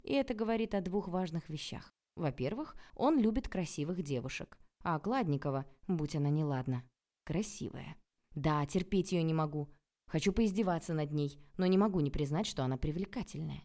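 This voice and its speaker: A woman reading a first-person audiobook in a lively, sarcastic and dramatic way. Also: sits low, moderate pace. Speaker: audiobook narrator.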